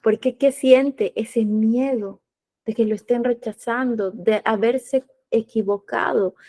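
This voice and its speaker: A woman's voice: a little high, steady tone, slow, dark tone. Woman host explaining with rhetorical questions. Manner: didactic, asks rhetorical questions and answers them. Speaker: podcast host. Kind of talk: explanatory talk in an interview.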